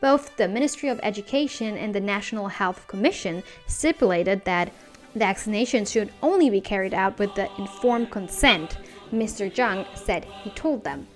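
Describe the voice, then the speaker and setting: A woman's voice: mid-range voice, lively intonation, moderate pace. A young woman from Slovakia ranting frankly in a casual video, with many fillers and restarts. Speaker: vlogger. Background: music.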